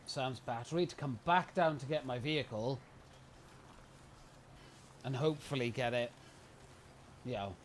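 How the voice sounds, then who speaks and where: A man's voice: mid-range voice, slight background noise. Swearing British man streaming a game. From United Kingdom. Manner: exasperated, profane ranting. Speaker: streamer playing a video game. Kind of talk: casual live-stream commentary.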